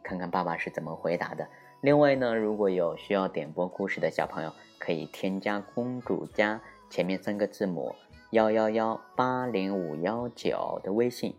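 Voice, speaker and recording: A young man narrating a bedtime story for children in a gentle, warm storytelling manner, closing the episode as host. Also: sits low. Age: young adult.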